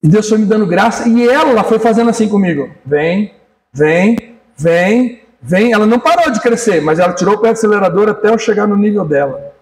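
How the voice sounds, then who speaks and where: A man's voice: high-pitched, quick pace, echoey room, distant mic, low-quality recording. A man preaching a casual sermon, joking and acting out little dialogues as he calls on people in the congregation by name. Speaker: pastor.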